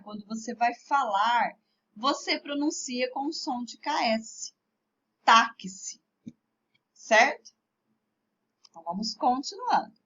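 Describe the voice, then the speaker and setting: A woman teacher with a Brazilian Portuguese accent gives a remote lesson to young pupils, speaking slowly and carefully sounding out each word. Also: sits high, fairly bright tone, lo-fi sound. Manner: slow, clearly articulated, spelling out words for children. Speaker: primary school teacher.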